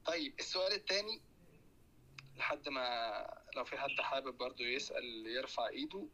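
A man's voice: mid-range voice, a little fast, sharp tone, poor audio. A man with an Egyptian accent hosting a casual audio chat, explaining his views easily and asking questions over a phone mic. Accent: Egyptian Arabic. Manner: easygoing, explaining, asks questions. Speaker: host.

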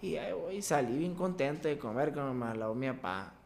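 A man's voice: fairly high pitch, lively intonation, creaky. Young Mexican man telling a story. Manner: emotional, halting retelling with many restarts. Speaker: guest, baseball player. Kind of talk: casual interview storytelling.

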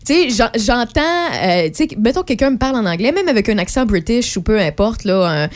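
A woman from Quebec with a Québécois accent, hosting a radio show in a chatty, rambling way, filling pauses with lots of hesitations. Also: fairly high pitch, lively intonation. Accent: Québécois French. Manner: chatty and rambling, many fillers. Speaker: radio host. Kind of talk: casual radio chat.

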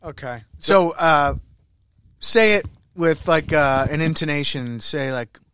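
A man co-hosting a casual chat, asking halting, skeptical questions. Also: fairly high pitch, fairly bright tone, clear, resonant tone, no room sound.

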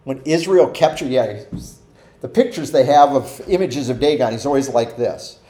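A man's voice: medium pitch, moderate pace, dark tone, echoey room. A man preaching a conversational sermon as pastor, acting out quoted voices as he teaches. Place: church sanctuary.

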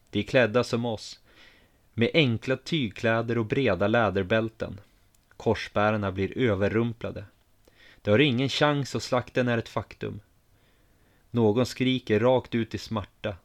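Low-voiced man narrating a story. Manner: measured reading with quiet, dropped inner asides. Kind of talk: first-person story narration.

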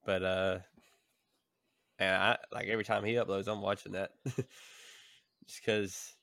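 A man's voice: deep voice, flat delivery, unhurried, creaky, a bit bright, no echo. A man co-hosting a casual podcast chat, rambling and laughing between thoughts. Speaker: podcast co-host.

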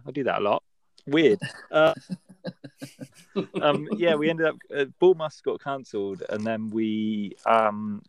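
A young man with a West Country English accent talks in a fairly low voice, recorded dry and close. He chats casually in British slang, drawing out his long A vowels. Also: clean tone, dry recording. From West Country, England. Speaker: podcast speaker. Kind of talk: casual chat, telling travel anecdotes.

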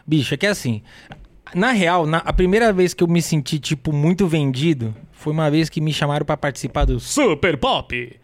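A man's voice: fairly high pitch, moderate pace. A man with a Brazilian Portuguese accent, a guest telling casual stories full of street slang. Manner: animated storyteller with street slang. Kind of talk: casual storytelling interview.

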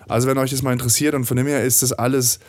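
A man's voice: medium pitch, little pitch movement, very fast, darkish tone. Rambling, swearing German podcast man. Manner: rambling, swears, imitates people in quoted voices. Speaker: podcast co-host. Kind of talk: casual chat. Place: home desk. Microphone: desk microphone.

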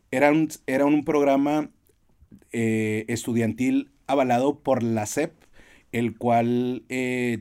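A man's voice: medium pitch, a little mellow, clean tone. Mexican man in his forties telling stories. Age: 40s. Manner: storytelling, frequent fillers. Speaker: guest. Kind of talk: casual podcast interview.

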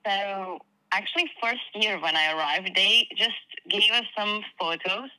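A woman's voice: mid-range voice, a little slow, pushed and bright, rough recording. Croatian-accented young woman, hesitant. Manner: hesitant, many fillers, laughs easily. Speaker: guest actress. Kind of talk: casual interview chat.

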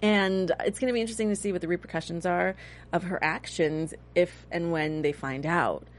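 A woman in her thirties talks through a TV episode in a loose, chatty recap. Her voice sits a little low, and she moves between animated and slightly cynical. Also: fairly quick, slight background noise. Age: 30s. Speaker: host. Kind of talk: casual TV recap chat.

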